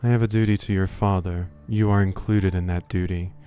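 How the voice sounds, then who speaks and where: A man's voice: sits low, steady tone, a little fast, dark tone, clean tone, soft background music, pitched below the performer's own voice, lightly acted. A man voicing a stern, dutiful protector who speaks formally.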